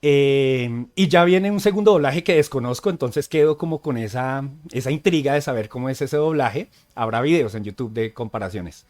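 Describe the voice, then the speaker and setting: A man co-hosting a casual podcast, chatty and easygoing, who often pauses on "eh" and checks in with "¿sí?". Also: medium pitch, a little mellow. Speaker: podcast co-host.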